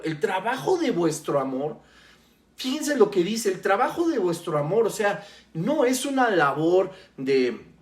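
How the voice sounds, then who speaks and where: A man teaching a Bible sermon, explaining words patiently and reading scripture slowly with emphasis. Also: sits high, roomy sound. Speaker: preacher.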